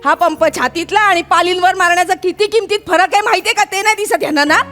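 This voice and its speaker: An indignant daughter-in-law who keeps talking over everyone, defending her husband. Her voice is very high and bright. Faint music sits behind her. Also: fast talker. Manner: insistent, talks over others. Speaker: comic actress. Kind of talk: stage sketch comedy. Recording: stage with music.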